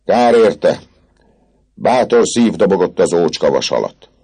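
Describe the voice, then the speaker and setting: A man doing a gruff vagabond king. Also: low voice, expressive, pitched above the performer's own voice, full character voice. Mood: indignant. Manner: loud, scornful shouting. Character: gruff male vagabond king, blustering leader.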